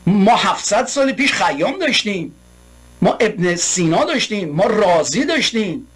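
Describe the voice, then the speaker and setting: Man, high voice, heated political monologue, rhetorical, repetitive lists. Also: big pitch swings, fairly bright tone, husky. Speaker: political commentator.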